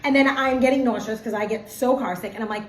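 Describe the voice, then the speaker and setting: A middle-aged woman teaching a casual Torah lesson, animated and full of "like", acting out everyday scenes. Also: on the high side, quick pace. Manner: animated, acts out everyday scenes, many fillers of "like". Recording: echoey room, faint background hum.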